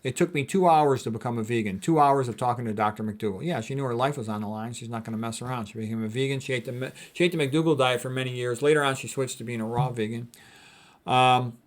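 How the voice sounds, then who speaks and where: With a mid-range voice at a quick pace, a man lectures informally as a physician. He treats quotes bluntly and dismissively in colloquial terms, emphatically repeating what he means.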